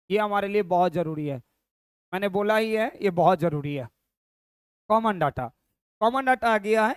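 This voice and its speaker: A man's voice: extremely high pitch, smooth, no room sound, studio quality. A man teaching Sanskrit grammar in a recorded online lesson, repeating each form and quizzing the viewer.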